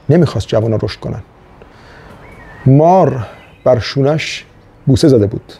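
Middle-aged male professor, earnest motivational speaker, dark raspy voice. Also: mid-range voice. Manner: earnest, exhorting, storytelling. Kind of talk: motivational video monologue.

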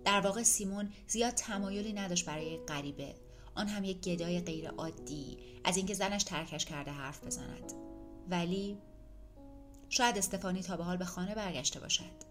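A woman reads an audiobook in an even, measured way. Her voice sits on the low side, with faint instrumental music underneath. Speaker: narrator. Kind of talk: audiobook narration.

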